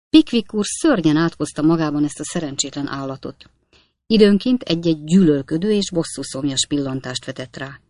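A woman narrating a classic novel as an audiobook reader, in a calm, even storytelling manner. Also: low voice, no room sound, studio quality. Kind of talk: scripted narration.

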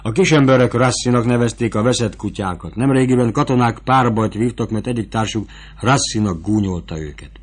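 A man narrating an audiobook in a steady, even scripted reading. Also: medium pitch, husky.

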